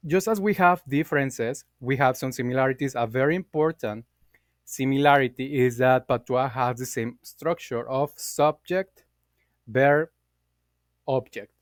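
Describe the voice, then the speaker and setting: A man talks through a class presentation at an unhurried pace. His voice is smooth and clear, recorded close and dry. He pauses often on fillers and corrects himself as he goes. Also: mid-range voice, no echo.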